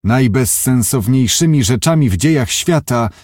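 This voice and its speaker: A man's voice: mid-range voice, expressive, normal speed, a little mellow, no echo, studio quality, lightly acted. Bondi, a man voicing a gloomy shaken businessman. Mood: anxious. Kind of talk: audiobook character voice.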